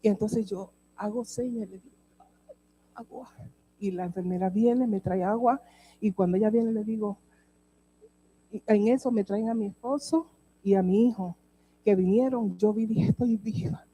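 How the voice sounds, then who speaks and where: A woman's voice: medium pitch, normal speed, mellow, a little hiss or hum, rough recording. Woman preaching a heartfelt testimony. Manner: emotional storytelling, addresses congregation as beloved. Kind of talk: sermon testimony.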